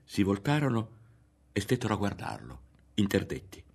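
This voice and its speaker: A man narrating a literary novel in a dramatic, expressive reading with voiced characters. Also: on the low side, normal speed, vocal fry, husky. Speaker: audiobook reader.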